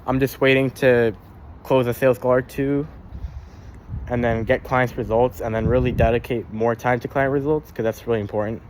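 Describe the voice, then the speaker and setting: A man's voice: mid-range voice, steady tone, moderate pace, a little hiss or hum. Rambling young man trips over his words. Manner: rambling, swears casually, often repeats and trips over words. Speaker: vlogger keeping a spoken journal. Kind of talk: casual spoken journal.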